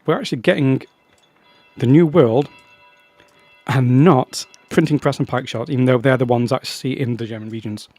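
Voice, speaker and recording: A man's voice: mid-range voice, moderate pace, a little mellow. A man casually commenting on his own strategy game, rambling and breaking off into chatty asides.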